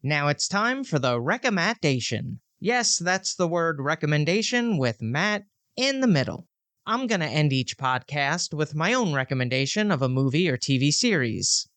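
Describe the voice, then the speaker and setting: A man hosting a movie podcast, reading a prepared review in a steady scripted way. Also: a little high, normal speed, smooth, no echo. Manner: reads a prepared review, then flubs and laughs at blooper takes. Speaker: podcast host. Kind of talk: scripted podcast monologue with outtakes.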